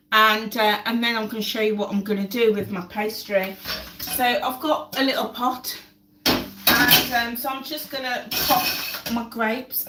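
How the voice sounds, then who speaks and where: A lifestyle channel host livestreams while cooking in her home kitchen, chatty and repeating words for emphasis as she gets over a cold, with some coughing. Her voice is a little high and fairly bright. The mic sits at a distance in an echoey kitchen, with slight background noise.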